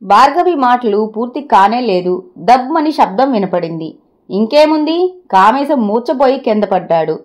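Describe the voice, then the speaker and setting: A woman's voice: fairly high pitch, expressive, normal speed. Woman telling a short story aloud. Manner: friendly direct address to listeners. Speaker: storyteller and channel host. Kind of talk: storytelling narration.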